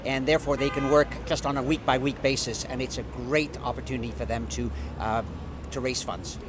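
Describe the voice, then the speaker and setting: A man's voice: mid-range voice, fairly even intonation, brisk. A man answering questions as a guest in an informal TV interview, with street noise around him. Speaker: interview guest representing a charity association. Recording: clear outdoor traffic noise.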